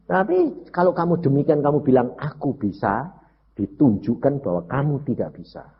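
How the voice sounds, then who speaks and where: A man's voice: medium pitch, a little fast, a little hiss or hum. An older man giving a testimony sermon, talking straight to the congregation and slipping in words. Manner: animated, addresses congregation as brothers and sisters, mixes in Javanese words. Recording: dull lo-fi recording.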